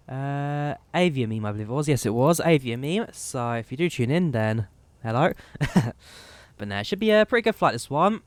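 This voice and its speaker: With no echo, a young man speaks in a mid-range, slightly worn voice. He's setting up a flight for a flight sim, casually narrating the cockpit setup live and reading codes and numbers to viewers.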